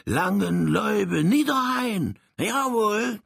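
A man voicing a small, excitable middle-aged man with a Saxon dialect, shrill and eager. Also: drawn-out words, gravelly, breathy edge, no echo, exaggerated voice. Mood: excited.

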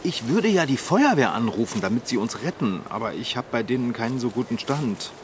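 A man's voice: mid-range voice, big pitch swings, brisk, slight background noise, natural voice. A man playing a nervous, easily flustered bike tinkerer in a children's radio play. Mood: anxious.

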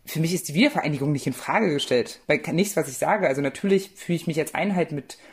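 Young woman author, low-pitched, searching for words, guest on a podcast. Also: fast talker. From eastern Germany. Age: young adult. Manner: hesitant, many fillers and restarts. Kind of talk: conversational podcast interview.

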